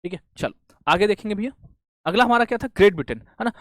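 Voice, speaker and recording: High-voiced man quizzing and answering himself. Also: expressive, dry recording. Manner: asks quick questions and answers them himself, says "bhaiya" and "theek hai" often. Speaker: exam-prep teacher. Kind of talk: classroom lecture with call-and-response questions.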